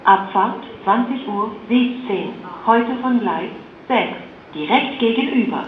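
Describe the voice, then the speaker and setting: A woman gives a flat platform announcement at a slow, measured rate, segment by segment. Her automated station voice comes muffled through loudspeakers, with strong echo and loud station noise around it. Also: a little high. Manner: flat, formulaic delivery in short segments. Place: railway station, over loudspeakers. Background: noisy station ambience.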